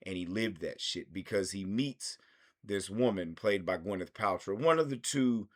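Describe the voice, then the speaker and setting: A man's voice: low-pitched, expressive, moderate pace. A man reviewing films in a rambling, casual monologue, swearing constantly. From United States. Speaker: film reviewer.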